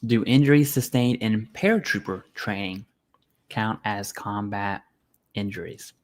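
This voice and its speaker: Speaking at a measured pace in a lowish voice, a man hosts an informal live Q&A stream and eats as he goes. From his home setup, he reads viewer questions out loud and answers them in a blunt, offhand way.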